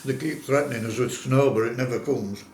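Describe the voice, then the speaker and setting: A man giving a casual food taste-test review as a vlogger, speaking in unhurried, plain-spoken short phrases of approval. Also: mid-range voice, a little mellow. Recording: roomy echo, faint background noise.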